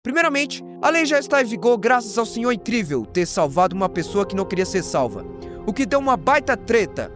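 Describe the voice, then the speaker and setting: With a Brazilian accent, a high-voiced man moves briskly through dramatic scripted storytelling, his pitch swinging widely. He hosts a horror recap channel, and music accompanies his slangy narration and playful asides.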